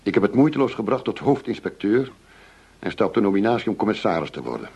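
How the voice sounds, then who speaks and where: In a radio drama, an actor plays an earnest, driven, middle-aged police chief inspector who speaks formally and insistently with measured phrasing. The heavily acted male voice is lowish, mellow and breathy with big pitch swings, the sound is lo-fi, and the mood is dissatisfied and earnest.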